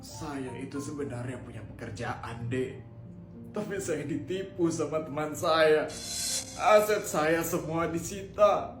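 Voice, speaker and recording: A man's voice: on the high side, measured pace. A man acting in a comedy skit with a pleading, emotional delivery. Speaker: sketch comedy performer. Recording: echoey room with music behind.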